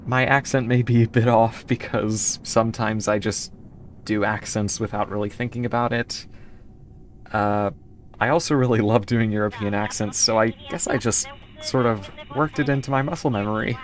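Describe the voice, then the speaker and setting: Speaking in a bass voice with a steady tone and moderate pace, a woman from the United States plays a game on stream. She chats casually with viewers, easygoing and meandering as she answers chat between moves.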